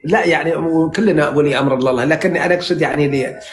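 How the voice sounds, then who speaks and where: A man in his sixties speaks with a Najdi Saudi accent, rattling on at a very fast clip in a slightly high voice. He rambles and flatters, stacking fillers and restarting his sentences. He is talking into a phone on a live stream. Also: a little hiss or hum. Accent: Najdi Saudi Arabic. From central Saudi Arabia. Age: 60s. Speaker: dream interpreter on a live stream. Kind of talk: casual live chat.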